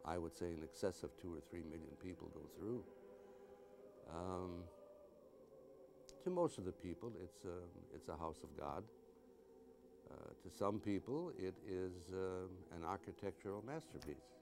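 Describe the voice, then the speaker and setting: Old vhs tape sound, deep gravelly guy interviewed kinda far from the mic, lots of hiss, keeps going um uh. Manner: halting, with many fillers. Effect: hissy old VHS tape sound. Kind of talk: documentary interview.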